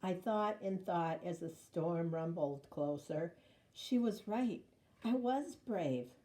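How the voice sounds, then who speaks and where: A woman reading a children's story aloud in an expressive, dramatic way, drawing out words. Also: lowish voice, background noise. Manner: dramatic, with drawn-out words and sound words. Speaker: storybook reader.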